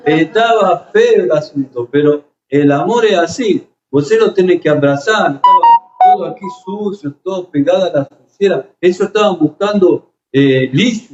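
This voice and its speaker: A man's voice: sits high, a little mellow. A man preaching a sermon, telling stories with emotion and frequent hesitations. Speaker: pastor. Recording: echoey, slightly dull room recording.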